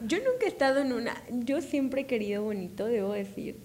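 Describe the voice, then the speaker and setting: A woman's voice: fairly high pitch, very animated, fairly quick, a little mellow. A young woman co-hosting a podcast, speaking earnestly and laughing easily. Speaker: podcast co-host. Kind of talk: casual chat.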